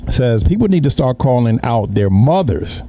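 A man's voice: mid-range voice, very animated, moderate pace, warm tone, no echo, soft background music. A man, hosting a podcast in casual, blunt, slangy banter and repeating phrases for emphasis, close on the mic. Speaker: podcast host. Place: small home podcast studio. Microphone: close microphone on a stand, with headphones.

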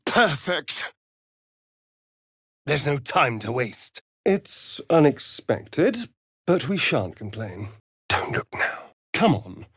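Here an elegant vampire rogue from a fantasy game speaks in a British accent, slow and drawling, with big, swooping pitch swings full of mockery and flirtation. Vain, arch and openly theatrical, the heavily acted voice is a bit bright with a breathy edge and frequent pauses. Wry and impatient, it's captured dry at studio quality.

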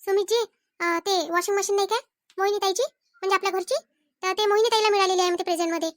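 A woman plays a young cartoon wife with a piercing, very high voice. She talks fast and grievingly, quoting everyone around her. The sound is close and dry. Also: fairly even intonation, no echo. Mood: aggrieved chatter. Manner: rapid storytelling, keeps quoting others. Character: young newlywed wife, chatty and complaining. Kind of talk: cartoon voice acting.

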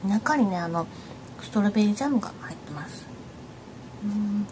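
Woman, soft whispery ASMR snack chatter, candy apple at her lips, close mic, audible rumble. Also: expressive, brisk, low-quality recording. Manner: soft murmuring, often whispered, casual chatty. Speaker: ASMR eating vlogger.

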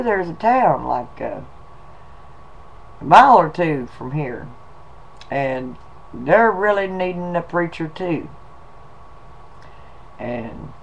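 A man with a twang reads aloud and then spins a folksy old story for his viewers. He takes his time, drawing out his words at a slow, easy pace, and his voice sits a touch on the high side. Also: vocal fry, lo-fi sound. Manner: folksy, slow, drawling delivery with y'all and 'em. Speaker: video blogger. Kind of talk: casual reading and storytelling.

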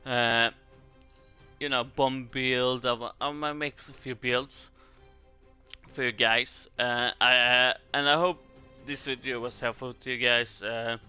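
Bright-voiced man with a Swedish accent. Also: medium pitch, steady tone, unhurried, clean tone, soft background music. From Sweden. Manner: hesitant, rambling, repeats words. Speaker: gaming video creator. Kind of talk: casual game guide commentary.

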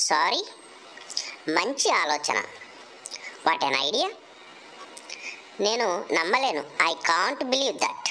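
A woman teaching English phrases, reading each one slowly after its Telugu translation. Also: medium pitch, pushed and bright, slight background noise, rough recording. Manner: slow, deliberate reading of phrase pairs.

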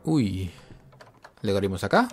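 A man's voice: on the low side, big pitch swings, a little slow, soft background music. A man giving casual gameplay commentary, talking to himself and getting jumpy and scared as he plays. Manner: jumpy, talks to himself while playing.

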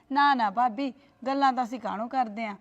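A sly, meddling young sister-in-law, played by a woman, with a high, coaxing voice. She needles her brother's wife with sweet advice. The audio is dull and lo-fi. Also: moderate pace, natural voice. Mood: needling. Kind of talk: short family drama.

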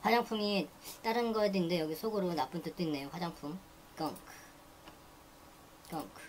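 A woman teaching English vocabulary, briskly repeating each word and reading its dictionary meanings one after another. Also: lowish voice, slight background noise. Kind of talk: reading dictionary entries aloud.

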